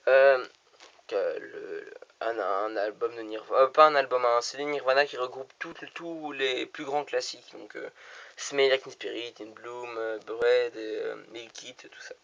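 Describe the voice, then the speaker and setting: Bright-voiced young man rambling on. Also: medium pitch, measured pace, gravelly, lo-fi sound. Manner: rambling, hesitant, many fillers. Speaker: channel owner. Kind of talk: casual vlog chat. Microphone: phone camera.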